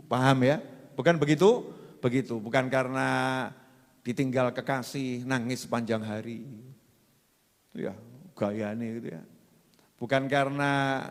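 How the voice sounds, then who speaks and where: Man with a Javanese accent for a sermon; animated, moves between soft and loud, echoing in a big hall. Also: on the high side. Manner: animated, swings from soft to loud, acts out quotes. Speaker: preacher.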